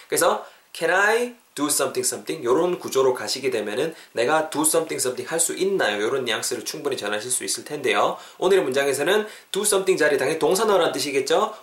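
A man's voice: on the high side, fairly bright tone. Chatty encouraging man teaching English. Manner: chatty and encouraging, drills phrases slowly. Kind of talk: language lesson podcast. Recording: roomy echo.

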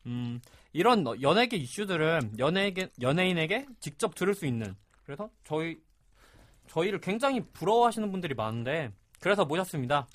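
Lively man hosting a podcast. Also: on the high side, a little fast, dry recording. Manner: lively, steering the talk with introductions. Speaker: podcast host. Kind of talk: casual podcast chat.

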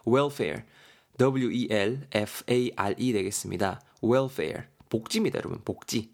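A man's voice: mid-range voice, measured pace. A man, teaching English vocabulary in a playful, jokey online lesson.

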